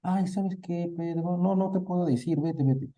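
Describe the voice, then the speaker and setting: A male teacher voicing a tearful young woman who begs her sweetheart to leave, raising his pitch. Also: unhurried, mellow, distant mic, rough recording. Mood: pleading.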